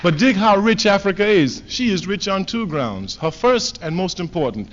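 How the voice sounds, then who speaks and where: This Trinidadian man speaks at a moderate pace in a forceful political address, repeating key points for emphasis. His pitch sits high and makes big swings, from booming proclamations down to quiet asides. It sounds muffled and dull, much like vintage archival audio.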